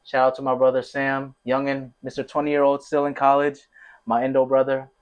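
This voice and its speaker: A man from Connecticut hosting his podcast, chatting casually with lots of laughter and shout-outs. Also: medium pitch, completely flat delivery, normal speed. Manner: playful, hyped, laughs a lot, shout-outs. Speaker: podcast host. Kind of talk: casual chat.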